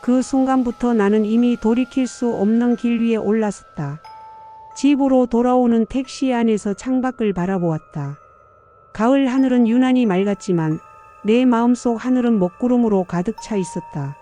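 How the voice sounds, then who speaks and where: An older woman narrating a first-person audiobook story in a measured, somber way. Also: fairly high pitch, dark tone, faint music behind.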